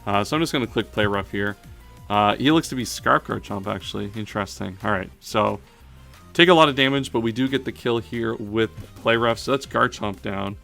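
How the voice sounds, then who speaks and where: A man's voice: lowish voice, normal speed, vocal fry, a bit bright, soft background music. A man giving thinking-aloud commentary on a competitive battle, analytical and often correcting himself mid-sentence. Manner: analytical, self-correcting, frequent "um" and "uh".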